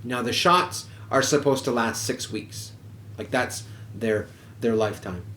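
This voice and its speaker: A man's voice: mid-range voice, unhurried, fairly bright tone. A man telling a personal story in a casual way, frank and swearing freely. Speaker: podcast host. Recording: roomy echo, faint background noise.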